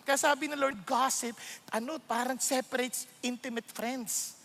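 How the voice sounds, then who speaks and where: A man with a Filipino accent preaching a sermon, animated and full of rhetorical questions, switching between Tagalog and English. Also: very high-pitched, a little slow, vocal fry. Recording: long reverb of a large hall.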